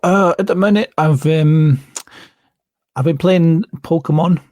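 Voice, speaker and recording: A man's voice: fairly high pitch, a little slow, darkish tone, no echo. A man chatting as a podcast guest, easygoing and talkative, with hesitant fillers. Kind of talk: casual chat.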